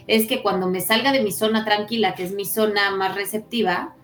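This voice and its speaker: A woman's voice: mid-range voice, steady tone, fairly quick, roomy sound. A woman psychologist, explaining in casual podcast talk and often ending her points with "¿no?". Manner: explanatory, frequent "¿no?" tags. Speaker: psychologist guest.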